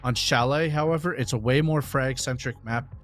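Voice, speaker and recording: Mid-pitched man, esports analyst. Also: normal speed, a bit bright, soft background music. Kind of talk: conversational tactical analysis.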